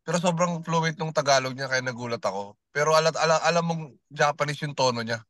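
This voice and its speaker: A male student chats casually in a language class, sharing stories with small restarts along the way. His voice sits a little high and sounds dry, with no room around it. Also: quick pace, a bit bright, no echo. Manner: chatty, tells anecdotes with restarts.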